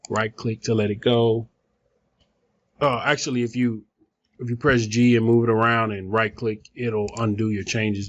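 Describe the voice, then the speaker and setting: A man giving a casual, rambling software tutorial, thinking aloud, recorded on a phone some distance away. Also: medium pitch, lo-fi sound. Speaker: video tutorial presenter.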